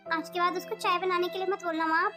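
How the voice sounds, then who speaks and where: Gentle polite cartoon daughter-in-law, very high quick voice, bright tone, a woman doing her. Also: steady tone, over music. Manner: polite, soothing, pleading. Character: sweet hardworking elder daughter-in-law. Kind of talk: cartoon voice acting.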